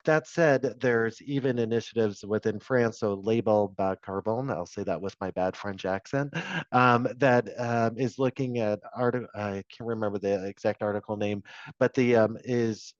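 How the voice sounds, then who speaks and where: Man, low voice, rambling answers, dry, dull lo-fi call audio. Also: moderate pace, dry recording. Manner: rambling, many fillers and restarts. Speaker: panelist. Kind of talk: webinar panel answer. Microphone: video call.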